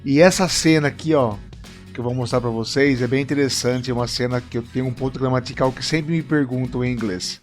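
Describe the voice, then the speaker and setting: A man's voice: mid-range voice, fairly even intonation, fairly quick, faint music behind. A Brazilian man teaching English in a video lesson at a whiteboard, explaining step by step and often checking in with viewers. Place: room with a whiteboard.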